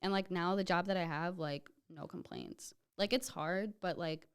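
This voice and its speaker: A woman's voice: on the low side, moderate pace, clear, resonant tone. A woman in her twenties from Ethiopia, chatting casually as a podcast guest and filling her speech with "like.". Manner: relaxed, peppers speech with "like". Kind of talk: casual chat.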